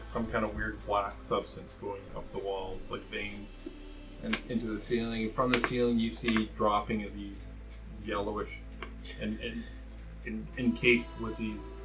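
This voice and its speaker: Low-voiced man running a tabletop game. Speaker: game master. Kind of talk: improvised tabletop game narration. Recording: distant mic with music behind. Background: music.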